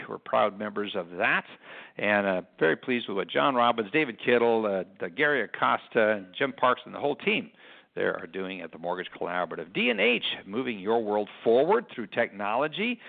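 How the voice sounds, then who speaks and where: Male podcast host, creaky voice, casual and rambling business talk, echoey conference room over a phone-like connection. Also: medium pitch. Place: rented airport conference room. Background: room echo.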